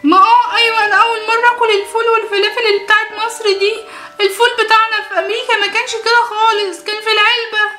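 A very high, bright little girl doll with an Egyptian Arabic accent whines and chatters fast, as a woman acts her out. It is a childlike doll-play voice in an echoey room. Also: little pitch movement, faint music behind. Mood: whiny. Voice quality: childlike, whiny.

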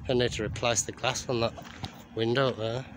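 A man's voice: mid-range voice, steady tone, a little fast, a little hiss or hum. A man giving casual, wry commentary while filming trains and graffiti in an alley beside a railway station. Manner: wry, offhand, amused asides.

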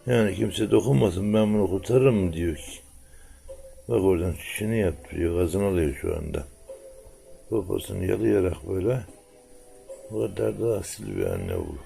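A man with a low, gravelly voice, filming a mother cat and her kitten at home. He talks to the cat in a soft, coaxing way and narrates what she is doing. Faint music plays behind him. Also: normal speed, pauses often. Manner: coaxing, tender talk to his cat. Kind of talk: casual home video narration.

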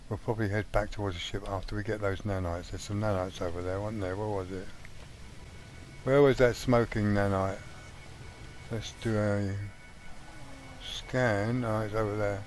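A man's voice: fairly low pitch, steady tone, normal speed, a little hiss or hum. A man giving casual let's play commentary on a game he is playing, thinking aloud as he goes with frequent ums. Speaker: gaming channel host.

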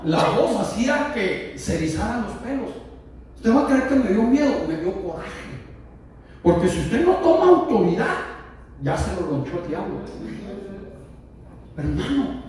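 A man preaching a lively sermon, joking with the congregation and raising his voice to shout. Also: high-pitched, a little hiss or hum. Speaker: pastor. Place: church hall. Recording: echoey church from far off.

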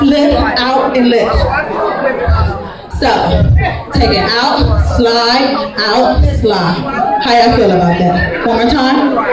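A woman instructor calling out dance steps and counts to a group in a loud, projected, drawn-out way. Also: high-pitched, distant mic. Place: large hotel banquet room, on a small stage. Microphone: handheld microphone through PA, filmed from across the room. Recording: echoey PA in big room, from afar. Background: music and crowd noise.

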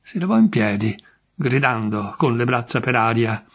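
A man reading a literary short story aloud as a narrator, measured and expressive. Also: medium pitch, husky. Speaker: audiobook reader.

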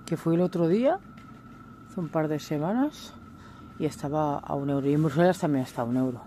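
A vlogger films her supermarket trip on a handheld camera, chatting casually and exclaiming over prices and products. Her low-pitched voice is warm and brisk with lively intonation, set against noisy store ambience.

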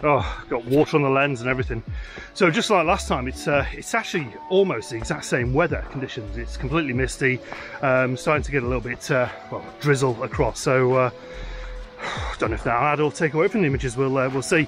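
A UK man in his forties, a landscape photographer, vlogs from a wooded glen with the camera held at arm's length, narrating in a chatty, rambling way full of fillers and restarts. His medium-pitched voice runs a little fast, and music plays underneath.

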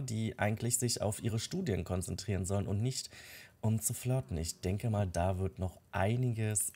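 A man's voice: on the low side, a little mellow. A young man casually commenting on a life-simulation game, telling the characters' quarrels and thoughts in his own voice with frequent fillers. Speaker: Let's Play host.

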